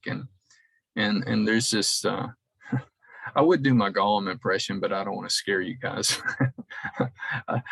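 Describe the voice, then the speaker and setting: A man preaching a conversational sermon in a church, halting often and repeating words as he restarts his sentences. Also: on the low side, vocal fry, a bit bright, slightly rough, no room sound, rough recording.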